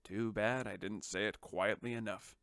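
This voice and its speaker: A man narrating a comedic parody of a storybook, shifting from a calm reading into crude, sarcastic asides. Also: on the low side, moderate pace, smooth, dry recording, clean studio sound. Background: background music.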